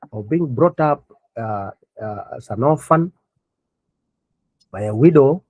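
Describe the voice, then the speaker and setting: A middle-aged man from Kenya, a guest on a remote interview, speaking earnestly and in measured phrases with frequent pauses. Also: medium pitch, darkish tone, no echo, low-quality recording. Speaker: guest, NGO founder.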